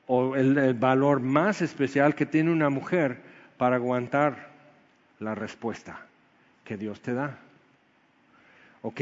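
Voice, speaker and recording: Male preacher, higher voice, lively swings from loud to hushed, long hall echo, dull recording. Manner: animated, swings between loud exclamations and low quiet asides. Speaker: pastor. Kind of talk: sermon.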